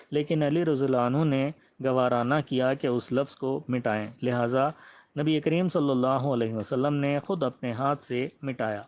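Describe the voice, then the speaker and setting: A man reads a religious biography aloud at a middle pitch, measured and reverent. The audio is slightly muffled and dull. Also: a little mellow. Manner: measured and reverent, with frequent honorifics. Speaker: religious history reader.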